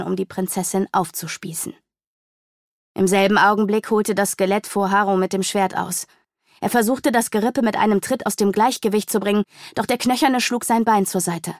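A woman narrates a fantasy novel with vivid, dramatic storytelling. Her voice sits at a middle pitch for a woman. The recording is dry and close, with no room sound. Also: fairly even intonation, normal speed, a little mellow, no echo. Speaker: audiobook narrator.

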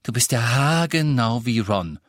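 A man voicing a mother gently chiding her son. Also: mid-range voice, expressive, measured pace, dry recording, studio quality, natural voice. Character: grown mother Ginny, warm, gently chiding.

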